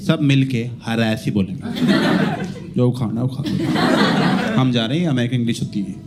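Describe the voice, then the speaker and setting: A man voicing a brash, defiant American man who speaks slowly and deeply. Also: heavy background noise, natural voice.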